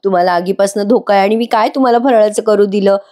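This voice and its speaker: A woman's voice: mid-range voice, fast talker, dark tone, natural voice. A woman reading the lines of a fussy, overprotective young wife who frets and chatters. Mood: fretful. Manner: fretful, fussing.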